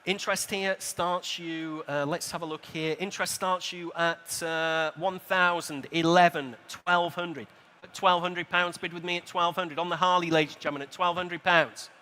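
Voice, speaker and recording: A man's voice: a little high, steady tone, normal speed, bright, forceful tone. A British man working as an auctioneer, calling bids in rhythmic repeated prices with polite, chatty asides to bidders. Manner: polite, courteous address to bidders. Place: large indoor auction hall at a motor show. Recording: PA voice in large reverberant hall.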